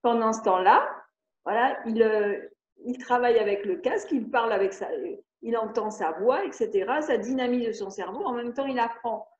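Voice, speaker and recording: Older woman, speech therapist, fairly high voice, patient teaching tone, echoey dull video call. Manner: didactic, slow spelling of letters and syllables. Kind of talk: explaining spelling exercises in a video conference.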